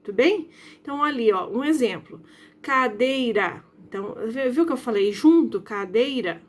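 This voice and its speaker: A woman teacher from Brazil, speaking in a somewhat high voice. She talks her pupils through a recorded lesson. She drags out each example word and keeps pausing to check they have understood. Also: animated. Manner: drawn-out stressed example words, frequent checking questions.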